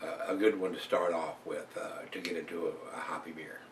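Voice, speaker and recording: A man's voice: sits low, brisk, slight background noise. Older man reviewing beer in a roomy space. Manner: relaxed, chatty, with many fillers. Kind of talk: casual beer review vlog. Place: small room at home, indoors. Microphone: camera across the room. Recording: roomy and distant from the mic.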